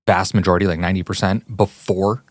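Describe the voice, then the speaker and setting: A man co-hosting a casual film podcast, relaxed and opinionated, walking through release dates and box office figures. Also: low voice, fast, no echo. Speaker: podcast co-host. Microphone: studio microphone.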